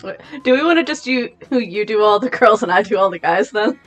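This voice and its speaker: Young woman, playful, animated, casual gameplay chat, reading text aloud, very lively pitch. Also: fairly quick, faint music behind. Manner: playful, animated, reads with expression. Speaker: gamer.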